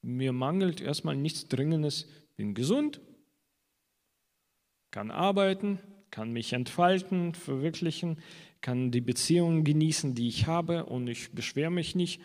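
A man preaching a sermon in an earnest way, slowing down when he quotes scripture. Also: a little high, animated, a little mellow, in a large hall.

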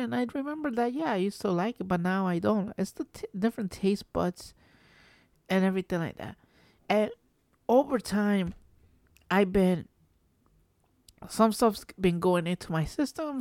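A woman's voice: medium pitch, no room sound. Rambling young woman podcaster, dry sound. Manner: rambling, with frequent restarts and filler words. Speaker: podcast host. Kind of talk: casual storytelling monologue.

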